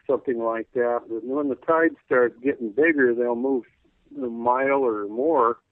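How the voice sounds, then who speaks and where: A man calling in as a radio guest, rambling folksily with lots of "you know," clearing his throat as his voice wears out. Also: mid-range voice, dry recording. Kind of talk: casual call-in radio interview. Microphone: telephone. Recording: tinny phone line.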